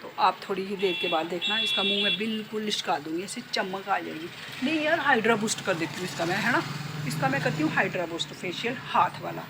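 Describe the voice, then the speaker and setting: A woman's voice: medium pitch, lively intonation, a little fast. A woman vlogger and beautician chatting playfully to her viewers from home, filmed on a phone. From Jammu. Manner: chatty, playful, talks straight to viewers with many tag questions. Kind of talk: casual chatty home vlog. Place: at home, indoors. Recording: noticeable background noise.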